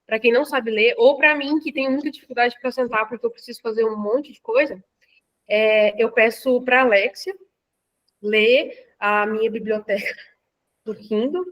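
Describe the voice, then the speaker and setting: A woman's voice: a little high, normal speed. A Brazilian woman talking casually in a lecture discussion, hesitant, with many fillers and restarts. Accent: Brazilian Portuguese.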